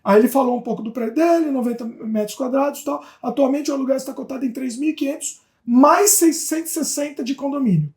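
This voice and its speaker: A woman from Brazil co-hosts a relaxed talk show, reading viewer comments and adding quick asides. Her voice sits a little high, and the room gives it a noticeable echo. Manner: lively, reads comments aloud, chatty asides. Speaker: co-host. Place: home in Canada. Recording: roomy echo.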